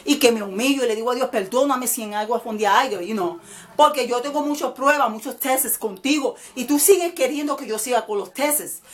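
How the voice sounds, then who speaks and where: A woman evangelist preaches an informal sermon straight to her viewers. Her voice sits high, and her delivery is emphatic and rambling, with English words mixed in. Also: fairly quick.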